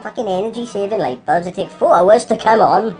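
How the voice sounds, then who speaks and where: A man's voice: high voice, a little fast, darkish tone, faint music behind, close to an everyday voice. A man with a Welsh accent voicing a grumbling, sarcastic, foul-mouthed cartoon handyman in a comedy voice-over. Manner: sweary, complaining, colloquial.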